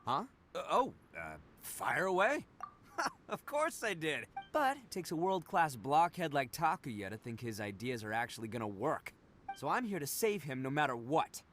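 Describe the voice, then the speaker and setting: Loud cocky young game brawler, exuberant, highish and super animated, music under it. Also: male voice, normal speed, a little hiss or hum. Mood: determined. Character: brash, loud, big-hearted young male brawler. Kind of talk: video game voice acting.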